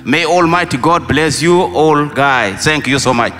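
Slow pastor. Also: male voice, a little high, in a large hall, music in the background. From South Sudan. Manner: slow, halting, with many pauses. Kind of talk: thankful speech.

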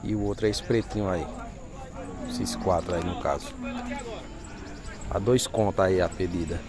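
A man's voice: sits low, fairly even intonation, normal speed. A man walks through outdoor cattle pens at a livestock fair, announcing each lot and its asking price to viewers on a handheld phone. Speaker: vlogger touring a cattle fair. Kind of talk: casual market walk-through.

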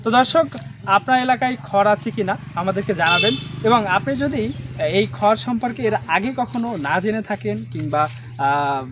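A high-pitched man narrates a casual explainer to his viewers, pausing often on long fillers. The recording is made outdoors, and clear background noise runs under his voice. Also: lively intonation. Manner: halting, with many drawn-out "uh" fillers. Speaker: video host addressing viewers.

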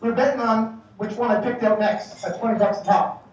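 A man in his forties speaking as master of ceremonies at an awards banquet, telling a lively, joking story and acting out the shouting. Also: high-pitched, moderate pace, lo-fi sound, a little hiss or hum. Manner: animated, joking anecdotes with acted-out shouting. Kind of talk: after-dinner storytelling speech. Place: large banquet hall. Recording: echoey hall from far off, faint dish clatter.

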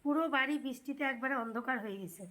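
A high-pitched woman from West Bengal pleads with her dog again and again, her tone swinging between soft pet talk and mock scolding, as a parent would with a child. She talks casually and keeps repeating herself while filming her pet at home in the rain. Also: racing, low-quality recording. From West Bengal, India. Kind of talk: coaxing a dog in casual speech.

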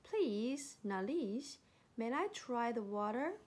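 A woman's voice: on the high side, big pitch swings, slow pace, darkish tone, breathy edge, exaggerated voice. A woman voicing a tiny, polite, clever male monkey in a storybook. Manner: small, polite, sure of himself.

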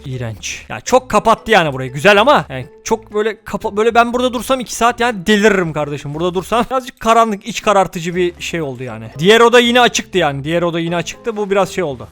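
A man's voice: high voice, a bit bright. A man doing comic gameplay commentary in a handyman persona, grumbling and ranting at the game's clients and chatting directly to his viewers. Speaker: gaming video host.

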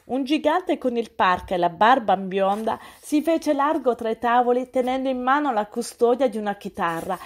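A woman narrating a novel as an audiobook, in a steady storytelling read. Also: a little high. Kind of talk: scripted narration.

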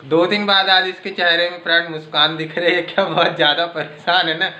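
Bright-voiced man vlogging in echoey kitchen. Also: fairly high pitch, little pitch movement, brisk. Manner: chatty, addresses viewers as friends. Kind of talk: casual home vlog. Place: home kitchen.

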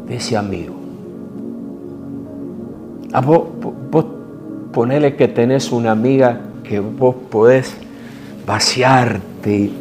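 A man with a Rioplatense Spanish accent preaching a sermon in an intimate, emotional way, moving from soft hushed passages to forceful rises. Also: mid-range voice. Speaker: apostle preaching.

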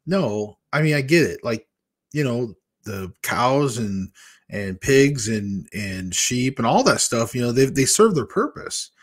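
A man in his fifties from Michigan, a weight-loss vlogger, chats live with his audience from a small room at home via a large desk microphone placed before a webcam. His mid-range voice is very animated and unhurried as he candidly wanders from tale to tale.

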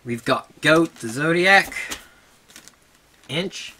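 Guy at home going through his collection real slow, keeps laughing and talking to his dog, bright voice. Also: on the high side, animated, a little hiss or hum. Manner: chuckling, easily distracted, talks to his dog between items. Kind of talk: casual home video show-and-tell.

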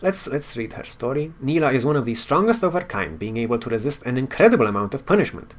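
A man's voice: medium pitch, big pitch swings, quick pace. A man giving casual gameplay commentary, thinking aloud with wry asides and now and then reading story text out. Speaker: game player and commentator.

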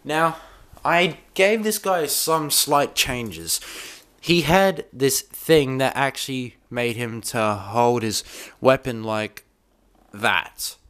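A man giving a casual hands-on toy review in a dim room, talking in a rambling, halting way with many restarts. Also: medium pitch, a bit bright.

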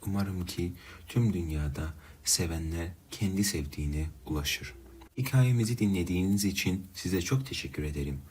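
A man narrating a sorrowful first-person story, reading in a slow, uneven way. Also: low voice, a little mellow, a little hiss or hum.

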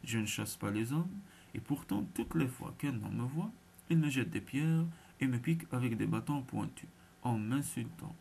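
A man voicing an old male crocodile with a raspy, grumbling voice. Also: mid-range voice, lively intonation, moderate pace, darkish tone, slight background noise.

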